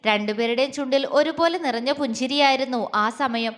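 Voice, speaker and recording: A woman narrating a romance story in a measured, expressive reading. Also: high voice, big-room sound.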